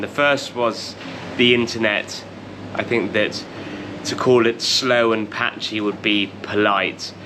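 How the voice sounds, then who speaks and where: A man casually giving rambling travel tips in a wry, understated way, pronouncing his R's softly like W's. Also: medium pitch, slight background noise. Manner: can't pronounce R's, says them like W. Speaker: travel vlogger.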